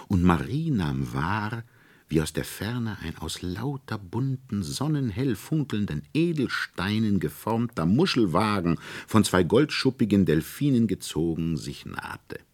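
A man narrating a fairy tale audiobook with expressive, lilting storytelling and dramatic slowdowns. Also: deep voice.

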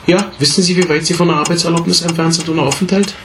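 A man's voice: on the high side, steady tone, fast, background noise. A man angrily recounting years of waiting, firing rhetorical questions. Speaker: guest telling his story. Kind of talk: emotional personal account.

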